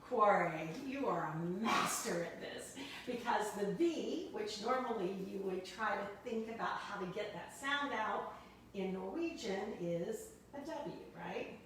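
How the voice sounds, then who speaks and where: A woman's voice: mid-range voice, animated, a little slow, far from the mic, slight background noise. A woman hosting a kids cooking class as a dietitian, upbeat and encouraging, asking leading questions. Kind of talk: friendly cooking class chat. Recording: echoey room, voice from off-mic.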